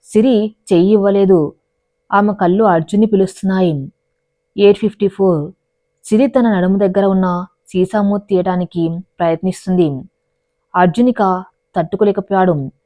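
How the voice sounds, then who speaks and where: A woman's voice: medium pitch, fairly even intonation, normal speed, pauses often, warm tone, no room sound. Woman narrating a dramatic love story. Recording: dry, dull lo-fi voice recording.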